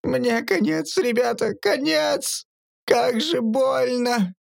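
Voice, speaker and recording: A man's voice: expressive, normal speed, vocal fry, no echo, clean studio sound, exaggerated voice. Man putting on a whimpering cowardly mercenary. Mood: whining panic. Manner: whimpering, hysterical, high-pitched. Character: whining cowardly male mercenary tech.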